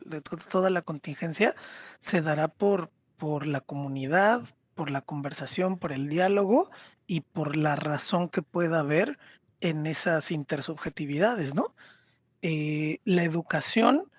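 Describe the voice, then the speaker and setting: Man, Mexican accent, husky, casual podcast talk, muffled lo-fi recording. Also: on the high side, dry recording. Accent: Mexican Spanish. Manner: animated storyteller, acts out character quotes. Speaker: podcast co-host.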